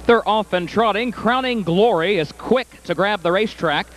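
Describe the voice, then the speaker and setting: A man working as a harness race caller, giving live commentary with clearly announced names and positions. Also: high voice, normal speed, fairly bright tone, slight background noise.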